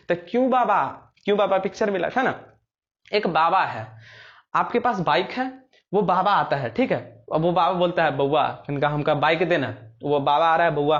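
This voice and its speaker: Explaining memory tricks for exams, a young man with a high voice tells playful little stories and acts out scenes in rustic dialect. The recording has its highs cut off.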